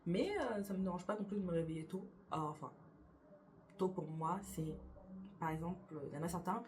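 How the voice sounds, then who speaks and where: In her bedroom beside a window, a young adult YouTuber casually answers get-to-know-me questions for her vlog. Her voice sits on the low side with a darkish tone, and she talks a little fast, hesitating and restarting sentences with many fillers. Slight background noise is present.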